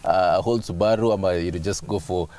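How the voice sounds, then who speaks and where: A Kenyan man hosting a TV interview from inside a parked car, asking questions in a halting way with many restarts. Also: deep voice, steady tone, noisy background. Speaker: TV show host. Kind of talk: TV interview, mixing English and Swahili.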